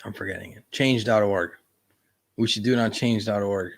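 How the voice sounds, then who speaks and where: A man's voice: lowish voice, moderate pace, gravelly. A man hosting a casual livestream chat, rambling in a laid-back way and often tossing in "man.". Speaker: YouTube livestream host.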